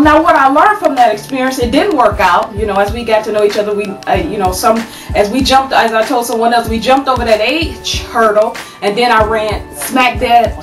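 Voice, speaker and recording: A woman in her thirties giving relationship advice to her webcam at home, animated and preachy, checking in with "okay?" again and again. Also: a little high, roomy sound, far from the mic, low-quality recording. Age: 30s. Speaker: advice vlogger. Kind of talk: casual advice talk to camera. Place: small room at home, indoors. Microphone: webcam at desk distance.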